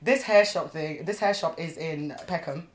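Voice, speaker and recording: A woman's voice: low-pitched, normal speed. A woman with an Essex and East London accent chatting casually in teasing, slangy banter as a co-host. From Essex and East London, England. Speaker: podcast co-host. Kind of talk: casual chat. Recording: roomy, echoey sound.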